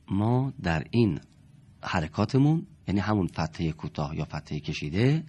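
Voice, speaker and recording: A man's voice: fairly low pitch, darkish tone, slightly rough. A man teaching a reading lesson in a classroom style, patiently explaining step by step and repeating key terms.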